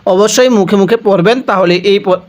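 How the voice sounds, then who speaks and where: A man teaching Quran reading word by word, slowly drawing out each recited word and having the listener repeat after him, between quicker explanations. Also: high voice. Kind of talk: spelling-based recitation lesson.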